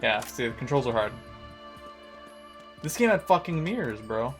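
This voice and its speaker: A man's voice: medium pitch, sing-song, moderate pace, soft background music. A man live-streaming a video game, chatting casually with lots of swearing and bro slang. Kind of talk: casual live-stream chat while gaming.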